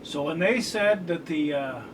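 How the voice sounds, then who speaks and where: A middle-aged American man, a radio scanner hobbyist and reviewer, gives a casual product demo at home using folksy, colloquial phrasing; his voice is fairly high and measured in pace. A distant camera mic captures a clearly noisy room, with scanner chatter and noise behind him.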